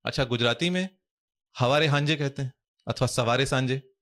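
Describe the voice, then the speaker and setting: A man with a medium-pitched voice speaks as a guest on a podcast. He explains points in a measured, formal way and leans on Sanskrit-derived words. The recording sounds like an indoor studio. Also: a bit bright. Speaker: guest scholar. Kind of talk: podcast interview.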